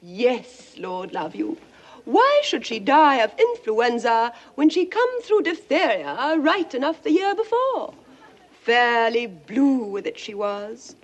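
A woman's voice: a little high, very animated, slow, full character voice. An actress playing a brash young Cockney flower girl in a 1960s film, telling a blunt story in a broad Cockney accent. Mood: gossipy. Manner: blunt storytelling with posh slips.

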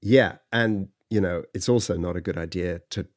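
A man co-hosting a scripted podcast conversation in a relaxed, reflective way. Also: deep voice, normal speed, slight background noise. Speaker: podcast co-host. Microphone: studio microphone.

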